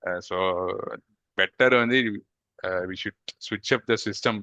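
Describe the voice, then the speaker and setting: A man co-hosting a casual football podcast, speaking with a Tamil accent and mixing in English phrases as he gives animated opinions. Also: fairly low pitch, drawn-out words, dry recording. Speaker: podcast co-host.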